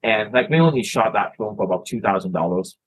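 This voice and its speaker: A man's voice: on the low side, expressive, quick pace, slightly rough, poor audio. A man from Canada, a filmmaker guest chatting casually in an interview, rambling and often restarting his words.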